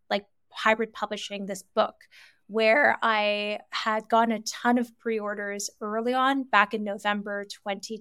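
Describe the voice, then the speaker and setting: A woman from Canada, an author guest, telling her story in a lively, chatty way with fillers. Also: fairly high pitch, clear, resonant tone, dry recording, studio quality. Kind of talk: casual interview talk.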